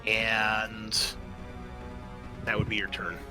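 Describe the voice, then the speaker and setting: A man serves as game master for a tabletop roleplaying game, narrating in a casual, descriptive way over background music. His voice is lowish and level, and he draws out his words.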